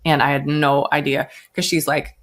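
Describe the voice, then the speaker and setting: Low-voiced and flat in delivery, she speaks at normal speed. The American brand founder talks through her story in a casual interview, conversational throughout and voicing the people she quotes.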